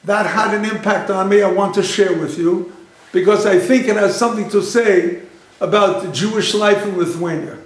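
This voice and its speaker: A man's voice: high voice, steady tone, normal speed. Man, rabbi giving a lecture, storytelling, repeats himself, acts out dialogue, echoing room.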